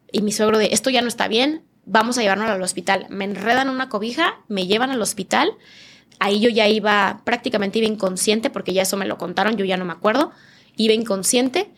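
A woman with a northern Mexican accent recounts an emotional personal ordeal as a podcast guest. Her voice sits at an ordinary middle pitch. She tells it vividly, slipping into the voices of the people she quotes. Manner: vivid storytelling, acting out quoted dialogue in changed voices.

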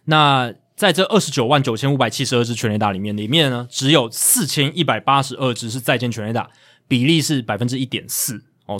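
A man's voice: medium pitch, a bit bright. A man with a Taiwanese Mandarin accent, hosting a casual sports chat and reading out statistics with asides. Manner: reads out stats, explains, with asides. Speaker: podcast host.

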